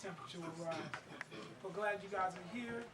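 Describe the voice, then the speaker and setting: Very noisy audio carries a middle-aged man's high-sitting voice at normal speed as he speaks informally and emphatically, plain-spoken and street-wise. A playwright and martial arts master, he's in an informal interview and presentation at an indoor play-reading gathering. The sound is roomy and distant-miked, with people in the background.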